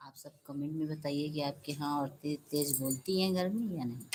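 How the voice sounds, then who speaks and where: A woman hosting a live stream from a village rooftop, chatting casually with viewers and speaking softly. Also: sits low, normal speed, slightly rough, poor audio. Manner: speaks softly, holding her voice down. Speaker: live-stream host and folk singer.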